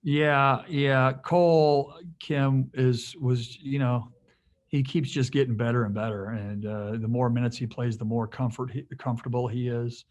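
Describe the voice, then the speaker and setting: A man's voice: medium pitch, fairly even intonation, measured pace, darkish tone. A male head basketball coach answering questions at a postgame press conference, rambling with lots of fillers and restarts, joking now and then.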